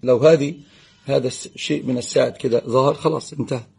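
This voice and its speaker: Guy teaching religion live, super fast, really gravelly and raspy, blesses viewers by name between questions. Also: medium pitch, steady tone, warm tone. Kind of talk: live Q&A lesson, answering viewer comments.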